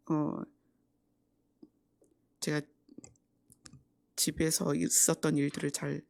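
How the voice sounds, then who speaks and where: A middle-aged woman pastor giving a conversational sermon at a Friday prayer meeting, acting out quoted lines and dropping into soft asides. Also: deep voice. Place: church sanctuary.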